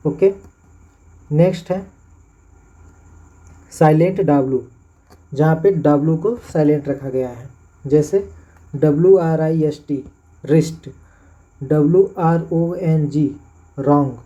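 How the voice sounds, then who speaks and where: A man's voice: a little high, slow, pauses often, dark tone. A man with a Hindi accent teaching English pronunciation, spelling words letter by letter and then saying them. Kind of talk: pronunciation lesson. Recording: dull lo-fi sound.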